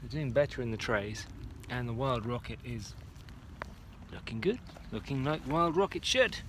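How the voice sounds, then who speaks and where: A man's voice: mid-range voice, animated, normal speed, slight background noise. A man in his forties chatting casually to a phone camera while walking around his garden allotment, muttering to himself as he checks on things. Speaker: vlogger. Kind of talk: casual walk-and-talk vlog. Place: outdoor garden allotment at dusk. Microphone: phone camera at arm's length.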